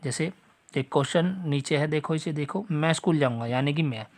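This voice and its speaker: A man with a slightly high voice teaches a Hindi grammar lesson for students preparing for exams. He goes through the example sentences one at a time and keeps addressing his listeners, asking whether they have understood. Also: brisk. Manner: explains step by step, repeats example sentences; talks straight to students, asks if they follow. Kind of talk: exam-prep grammar lesson.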